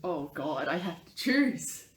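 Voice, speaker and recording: A woman's voice: lowish voice, sing-song, slow, echoey room, a little hiss or hum. A woman chatting casually as a player in a tabletop game.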